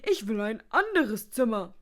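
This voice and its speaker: A woman's voice: sits high, animated, moderate pace. A woman doing a grumpy sleepy hotel guest. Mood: annoyed. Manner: loud, indignant complaining. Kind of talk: children's storybook reading.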